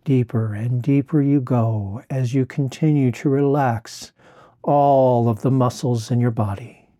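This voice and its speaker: Slow, mellow man guiding relaxation. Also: mid-range voice, fairly even intonation. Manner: slow, soothing, drawn-out phrasing. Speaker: relaxation guide. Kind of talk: guided relaxation script.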